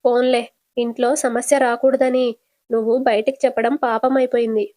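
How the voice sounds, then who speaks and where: A woman's voice: on the high side, flat delivery, normal speed, dark tone, lightly acted. A woman doing a teasing, affectionate younger sister. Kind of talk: casual retelling of a TV serial.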